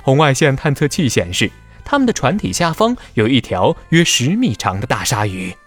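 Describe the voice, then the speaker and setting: A man narrating a scripted children's story in a dramatic, expressive way. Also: medium pitch, normal speed, husky, soft background music.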